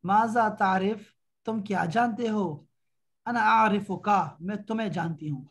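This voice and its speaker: A man teaching an online language lesson. He patiently drills each phrase slowly and repeats it, then explains it quickly and corrects the student. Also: high voice. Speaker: Arabic teacher.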